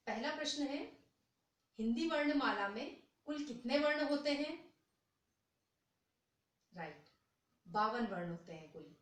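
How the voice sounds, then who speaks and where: A woman teaching a school lesson, slowly and deliberately, repeating each syllable for her students. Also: a little high. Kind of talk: slow classroom lesson with drills. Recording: echoey room from far off.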